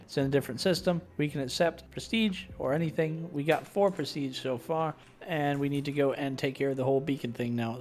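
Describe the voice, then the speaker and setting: A man's voice: a little high, a little hiss or hum. A young adult man casually commentating his own game playthrough, chatty and self-deprecating. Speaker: gaming video host. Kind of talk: casual let's play commentary.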